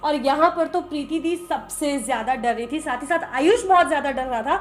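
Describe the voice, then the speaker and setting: Young woman vlogging, super high voice, chatty and animated, talks right to viewers. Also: normal speed. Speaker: vlogger narrating a trip. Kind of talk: casual storytelling vlog.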